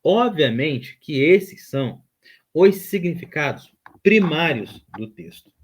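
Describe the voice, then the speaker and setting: A man's voice: a little high, lively intonation, takes it slowly, slightly rough. A man teaching a Hebrew grammar lesson, explaining patiently, repeating terms and checking in with the class.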